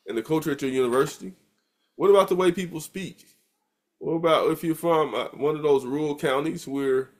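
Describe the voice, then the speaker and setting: Conversational male professor lecturing. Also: medium pitch. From United States. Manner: conversational, repeats words while thinking. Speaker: university professor. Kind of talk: recorded lecture.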